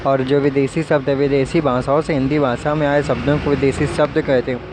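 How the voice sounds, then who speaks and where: A male YouTube exam-prep teacher slowly reading out lists of vocabulary words one by one. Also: mid-range voice, level tone, noisy background. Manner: slow, listing words one by one.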